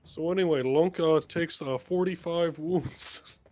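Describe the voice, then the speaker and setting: A man playing in a tabletop game, joking and quick to laugh. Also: a little high, a little mellow. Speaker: player. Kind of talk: casual game chat.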